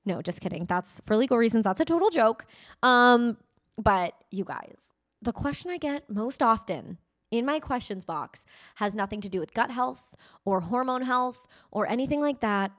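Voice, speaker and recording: A woman in her late twenties, a podcast host, telling a personal story in a chatty, animated way. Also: on the high side, moderate pace. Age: 20s. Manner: chatty, animated, addresses listeners as "you guys". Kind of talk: casual storytelling.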